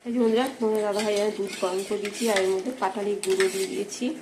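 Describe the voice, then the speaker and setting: A woman's voice: mid-range voice, steady tone, rapid-fire. Brief: thirties woman home vlogger, chatty, phone-filmed, clattering pots behind. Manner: chatty, talks straight to viewers while cooking. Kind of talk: casual vlog narration to viewers. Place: home kitchen indoors. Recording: clattering kitchen noise behind. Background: dishes, pots and cutlery clatter.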